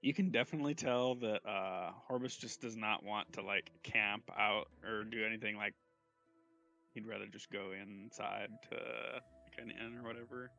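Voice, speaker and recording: A man's voice: lowish voice, steady tone, normal speed, gravelly, pushed and bright, highs cut off, soft background music. A man playing a tabletop game, who rambles, hesitates and swears casually. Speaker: player.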